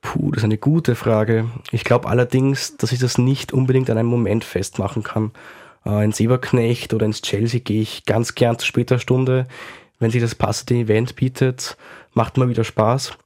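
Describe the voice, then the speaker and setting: A man co-hosting a radio city magazine, speaking in an even, measured way. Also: mid-range voice. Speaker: radio magazine co-host and reporter. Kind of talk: radio hosting, partly scripted.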